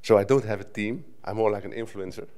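Middle-aged Dutch man, slightly low voice, chatty conference talk at a lectern mic, restarts a lot. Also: quick pace, mellow. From Netherlands. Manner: conversational, with frequent restarts and filler "right?". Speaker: conference speaker. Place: conference hall stage at a lectern. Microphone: lectern microphone.

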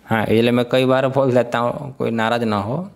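A male spiritual teacher leads a scripture class at a middle pitch. He keeps asking his listeners questions, chuckles now and then, and slowly drills the pronunciation of syllables. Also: fairly even intonation, gravelly. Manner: questioning, quizzes the listeners often. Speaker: Vedanta teacher.

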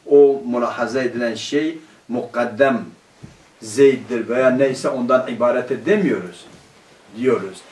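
A male teacher giving a grammar lesson to a class, putting questions to the students and answering them himself, and reading quoted classical phrases slowly. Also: mid-range voice. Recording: roomy, distant room mic.

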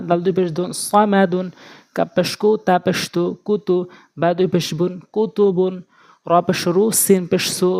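A Quran reading teacher from Bangladesh with a Bangladeshi Bengali accent, giving a lesson as a steady, repetitive sing-song spelling drill. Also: mid-range voice.

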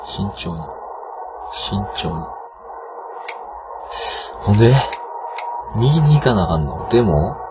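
Excitable low-voiced Kansai man gaming. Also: slow pace, pauses often, over loud music. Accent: Kansai Japanese. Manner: excitable, bursts into loud yelps and cries. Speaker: game commentator. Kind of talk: casual let's-play commentary. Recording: noisy old home recording.

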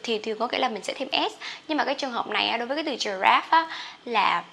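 A woman with a Southern Vietnamese accent gives a relaxed, chatty English pronunciation lesson. Her voice sits a little high and sounds bright and forceful. She stretches each English example out slowly and carefully. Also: creaky. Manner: chatty explanations, slow deliberate English examples. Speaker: English teacher.

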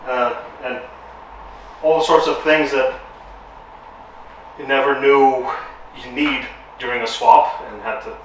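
A man in his thirties from Romania, a car owner chatting casually about his build, relaxed with frequent fillers. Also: medium pitch, slow pace, long pauses, slight background noise. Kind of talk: casual chat. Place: tuning workshop, indoors. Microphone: far camera. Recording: echoey workshop from far off.

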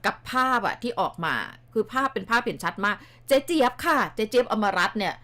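A woman co-hosting a radio talk show, telling stories in a chatty, animated way with lots of exclamations. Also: fairly high pitch, fast talker. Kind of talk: casual political chat. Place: radio studio.

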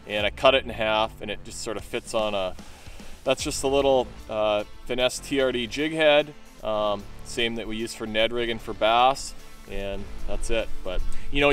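Laid-back male angler, thirties, talking through his fishing on a lake, clip mic, faint music underneath. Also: mid-range voice. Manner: relaxed, chatty, lots of fillers and restarts. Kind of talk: casual fishing commentary. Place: small boat on a lake, outdoors.

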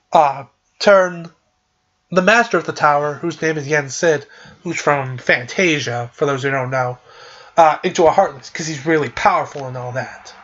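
A man's voice: fairly high pitch, a bit bright, muffled recording. A man hosting a podcast, casually recapping a video game plot in a rambling, filler-heavy way.

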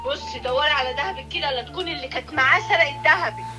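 Egyptian woman friend, gossipy, high voice, distant echoey sound with music. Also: very fast. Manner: gossipy, stirring up suspicion. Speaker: friend on the phone.

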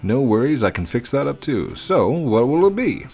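Easygoing, loud video game repairman with hearty sales patter, played by a man. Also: mid-range voice, big pitch swings, moderate pace, gravelly, faint music behind, pitched above the performer's own voice. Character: hearty scrap shop repairman, easygoing, helpful.

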